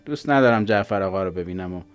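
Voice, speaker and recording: A man's voice: sits low, smooth, no echo, lightly acted. A man voicing an earnest, slightly defiant teenage boy who tells his father a story.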